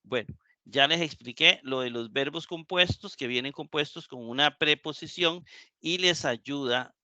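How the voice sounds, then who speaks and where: A man teaching a live Greek class, slow and explanatory, with many fillers and repeated words. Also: on the high side, bright, forceful tone, dry recording, muffled recording. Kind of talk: live online lecture.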